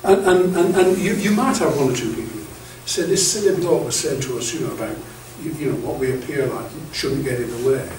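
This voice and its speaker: An older bishop gives a chatty, anecdotal training lecture to clergy, his medium-pitched, slightly mellow voice moving fairly quickly with hardly any pauses and often restarting with stammered repeats. A far camera picks him up across a classroom-sized meeting room with a projector screen, so the sound is echoey and carries a faint hiss.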